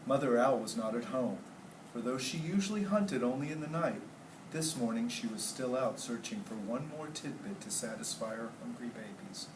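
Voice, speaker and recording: A man of medium pitch reads a story expressively to children in a classroom, keeping a moderate pace and asking them questions along the way. The indoor recording is roomy and noisy, taken from a distant microphone.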